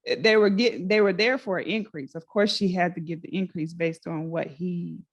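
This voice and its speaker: A woman's voice: fairly low pitch, a little fast. A woman co-hosting a casual podcast, telling stories and acting out what people said. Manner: animated storyteller acting out quotes. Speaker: podcast co-host.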